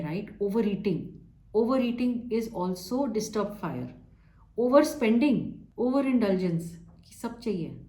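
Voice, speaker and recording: Hindi-English teaching woman, mellow, echoey. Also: on the low side. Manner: explains in lists, checks in with "ठीक है?" and "right?"; mixes Hindi with English phrases. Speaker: vastu course teacher. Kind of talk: live online lesson.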